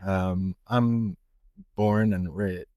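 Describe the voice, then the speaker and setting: A man's voice: deep voice, steady tone, very slow, a little mellow, dry recording, clean studio sound. A middle-aged man from Egypt, a watch retailer, talking casually in a podcast interview with many fillers and restarts.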